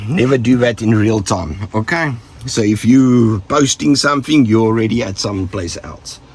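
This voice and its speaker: At medium pitch with a breathy edge, a South African vlogger speaks roughly through a bout of flu. His safety tips for viewers are relaxed and jokey, and he keeps trailing off into side remarks.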